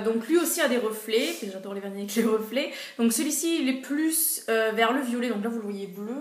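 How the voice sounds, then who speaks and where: A woman's voice: on the high side, reverberant. A woman vlogger casually reviewing her monthly beauty favorites, chatty and hesitant, with frequent fillers.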